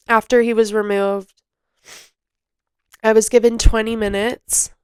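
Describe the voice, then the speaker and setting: Slow, emotional woman podcaster. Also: medium pitch, clear, resonant tone, dry recording. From Canada. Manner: emotional, halting, with restarts. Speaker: podcast host. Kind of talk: personal storytelling monologue.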